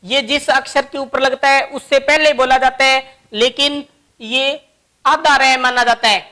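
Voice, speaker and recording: A woman teaching grammar in a high, bright voice. She moves slowly, explaining each example word by word. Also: fairly even intonation. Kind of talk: classroom grammar lesson.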